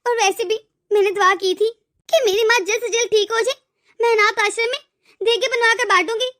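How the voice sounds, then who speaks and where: A woman's voice: extremely high pitch, steady tone, a little fast, fairly bright tone. A woman voicing an emotional young wife and devoted daughter in a cartoon story, often stammering over her words. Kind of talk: cartoon voice acting.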